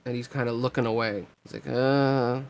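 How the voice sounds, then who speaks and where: A man's voice: mid-range voice, normal speed, a little hiss or hum. A man narrating a tabletop game as game master, telling the story casually with lots of fillers.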